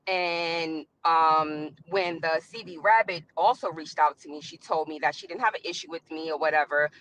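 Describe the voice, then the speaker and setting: A woman's voice: deep voice, normal speed, fairly bright tone, a little hiss or hum, poor audio. A woman calling into a live stream by phone while driving, explaining her side in a rambling, casual way with many fillers. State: driving, speaking from a car.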